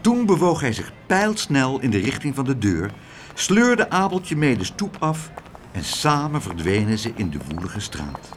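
A male storyteller reading a children's book aloud. His voice swings widely up and down, and he keeps the telling lively and expressive. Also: mid-range voice, measured pace, slight background noise. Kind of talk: storybook narration.

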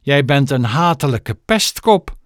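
Man doing a polite old gentleman for a storybook, deliberate and old-fashioned, dry close sound. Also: medium pitch, lively intonation, no room sound, voice pushed up, close to an everyday voice. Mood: stern. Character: kind courteous old gentleman.

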